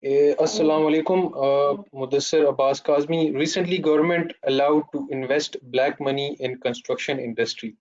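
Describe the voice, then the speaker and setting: A man's voice: fairly high pitch, fairly even intonation, moderate pace, few pauses, darkish tone. A man with a Pakistani accent reading audience questions aloud as moderator of an online session. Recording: slightly muffled online call audio.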